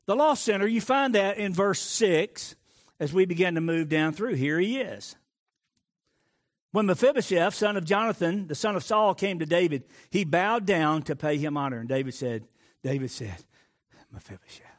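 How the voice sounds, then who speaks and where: A middle-aged man preaching a sermon as pastor, swinging from loud emphatic lines to hushed asides and repeating phrases for emphasis. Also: high-pitched, lively intonation, moderate pace.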